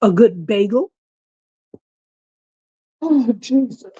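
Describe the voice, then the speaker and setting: A woman chats in her kitchen, piling on exasperated, theatrical complaints. She talks slowly, in a fairly high voice. The audio sounds dull and lo-fi. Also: animated, dark tone, slight background noise. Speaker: home cooking vlogger. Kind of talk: casual kitchen chat to viewers. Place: home kitchen.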